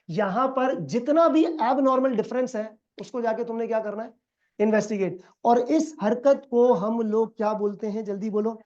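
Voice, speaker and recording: A man's voice: extremely high pitch, a little mellow, dull audio. A man teaching an accounting class, quizzing students and acting out dialogues in a lecture.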